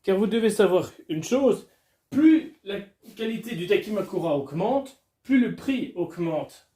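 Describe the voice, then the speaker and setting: High-voiced man joking crudely in an echoey room. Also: lively intonation, unhurried, warm tone. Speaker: vlogger. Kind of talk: casual unboxing chat. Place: alone in a room at home. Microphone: camera filming him.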